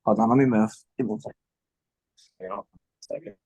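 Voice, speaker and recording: Halting man on a video call. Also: lowish voice, fairly even intonation, darkish tone, husky, dry recording, lo-fi sound. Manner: halting, full of "like" fillers and restarts. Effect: heard over a video call with a dropping connection. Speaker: study group participant. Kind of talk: casual group text discussion.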